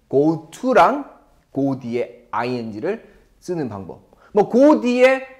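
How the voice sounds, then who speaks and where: A man teaching an English lesson to viewers in a playful way, asking them questions. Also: medium pitch.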